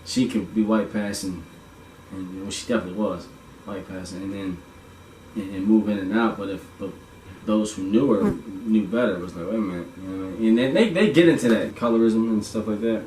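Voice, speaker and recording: A man's voice: lowish voice, a little fast, darkish tone. A man hosting a casual movie review chat, laid-back and slangy, laughing often. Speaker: podcast host. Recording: echoey room, mic far off, faint noise.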